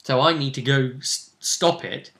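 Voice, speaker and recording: Speaking a little slowly in a gravelly, slightly bright mid-range voice, a game master and video host casually recaps a tabletop role-playing session. He acts out bits of dialogue along the way.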